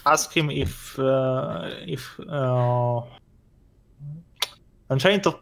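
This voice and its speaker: A man's voice: medium pitch, drawn-out words, gravelly, fairly bright tone, low-quality recording. A man chatting casually as a tabletop game player, hesitant and thinking aloud.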